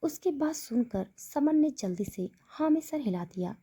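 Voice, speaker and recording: A woman narrating a serialized romance story in a steady, expressive storytelling manner. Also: high-pitched, a little slow.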